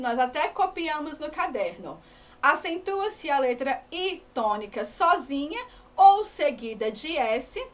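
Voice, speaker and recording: A woman's voice: high voice, a bit bright. A woman teacher giving a lesson, patiently checking in with her students and stretching out example words. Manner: asks the class questions. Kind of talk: recorded class lesson.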